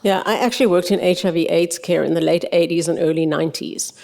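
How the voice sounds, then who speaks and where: An older woman presenting at a conference answers audience questions frankly and conversationally, speaking fast in a lowish, fairly even voice with vocal fry and a slightly mellow tone. She's on a large hotel ballroom stage using a podium microphone. The recording carries long hall reverb from the PA.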